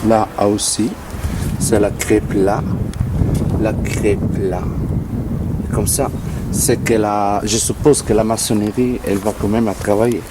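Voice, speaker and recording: A low-pitched man with a clear Italian accent in his French gives an informal walkthrough narration. He speaks slowly and haltingly, searching for words in broken non-native phrasing. Noticeable background noise sits behind his voice in a handheld on-location recording. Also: little pitch movement. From Italy. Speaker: resident filming a walkthrough of their building. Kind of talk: informal narrated video tour. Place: around and inside an apartment building entrance and corridor.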